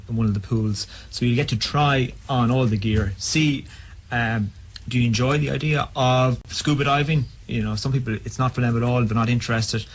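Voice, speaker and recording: A man with a west of Ireland accent, speaking informally and a little hesitantly as a club member in a radio interview. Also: medium pitch. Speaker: sub aqua club member being interviewed. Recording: dull, noisy radio interview recording.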